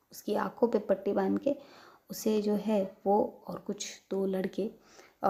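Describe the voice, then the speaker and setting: A woman's voice: mid-range voice, creaky, dark tone. A woman narrating a romance story in a conversational, filler-heavy storytelling manner.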